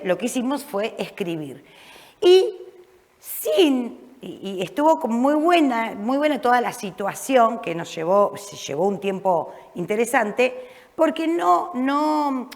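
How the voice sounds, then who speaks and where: Woman teacher, animated lecturer, recorded with long room echo. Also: on the high side. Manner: lively, frequent "¿sí?" checks, restarts. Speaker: teacher trainer. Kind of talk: classroom lecture. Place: classroom. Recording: reverberant classroom.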